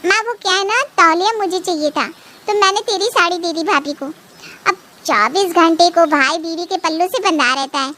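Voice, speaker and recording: A woman's voice: very high-pitched, normal speed, sharp tone. A woman voicing a cheeky, teasing teenage sister-in-law in a cartoon.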